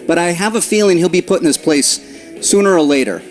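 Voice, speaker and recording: A man answering post-match interview questions, gracious and a bit halting. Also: high-pitched, faint music behind. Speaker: competitor in interview.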